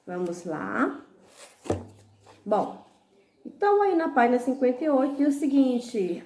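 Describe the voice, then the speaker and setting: A Brazilian woman speaks in a fairly high voice, slowly and patiently, as she goes through a school lesson. She sounds out each syllable and keeps checking that the children follow. Her voice carries the echo of a bare room. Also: a little mellow. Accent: Brazilian Portuguese. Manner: slow, patient, spells out syllables and letters one by one; checks in often with "tá bom?" and "né?". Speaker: primary school teacher. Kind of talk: recorded lesson, correcting homework.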